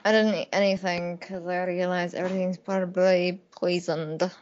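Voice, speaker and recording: A woman's voice: lowish voice, little pitch movement, moderate pace, a little mellow. A young woman co-hosting a podcast over an online call, playful and laughing often. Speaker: podcast co-host. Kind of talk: casual chat. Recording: dull lo-fi call audio.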